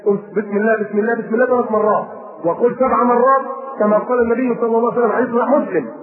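Egyptian male preacher, rapid animated delivery, tinny phone-like tape in an echoey hall with a crowd. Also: sits high. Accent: Egyptian Arabic. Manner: animated, scolding, mimics people. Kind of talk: recorded sermon lecture.

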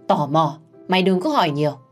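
Bossy middle-aged servant woman, as a female narrator puts her on, low voice, curt scolding orders. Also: expressive, brisk, slightly rough, faint music behind.

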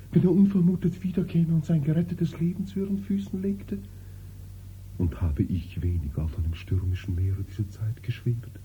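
A man's voice: medium pitch, slight background noise, close to an everyday voice. An actor playing a young nobleman who begs his beloved for forgiveness, often sinking to a whisper, in a classic radio drama. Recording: muffled old radio recording.

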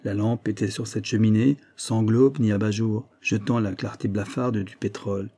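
A man's voice: fairly low pitch, fairly even intonation, normal speed, warm tone, breathy edge. A man voicing an emphatic male investigator who lays out the truth of a crime, his voice raised and pressing. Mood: triumphant. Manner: emphatic, probing, raised and tense. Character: sharp, insistent male investigator unveiling a crime.

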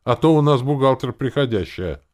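A man voicing a gruff, good-natured male orc who talks in a rumbling grumble. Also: lively intonation, moderate pace, a little mellow, natural voice. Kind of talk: audiobook character voice.

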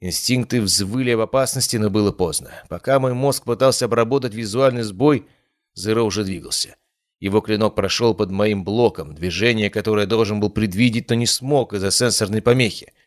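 An audiobook narrator tells a first-person fantasy tale in a low, even voice at a measured pace. The recording is close and dry, with no room sound.

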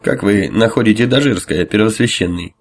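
A man's voice: on the low side, brisk, husky. A man voicing a restrained admiral who speaks with formal, strained courtesy. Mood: tense polite. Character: restrained middle-aged male admiral, tense and polite.

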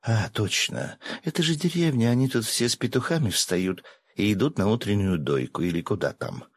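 A man reading an audiobook, voicing a nosy, pushy young woman journalist with excitable questions. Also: lowish voice, normal speed, slightly rough, no echo, voice pushed up. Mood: muttering.

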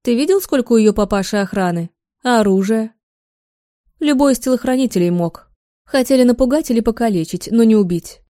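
A woman's voice: expressive, a little fast, mellow, no echo, studio quality, close to an everyday voice. A woman voicing a two-faced young woman, the father's fiancée, who cries out and fusses. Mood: insinuating. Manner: shrill, sobbing, exclamatory.

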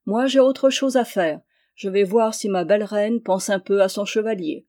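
A taunting, carefree male knight from an old adventure novel, tossing off his rival's challenge with a laugh, as read by a woman in her own mellow voice. The delivery is lightly raised and a little louder than the plain narration. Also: mid-range voice, moderate pace, lightly acted. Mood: mocking.

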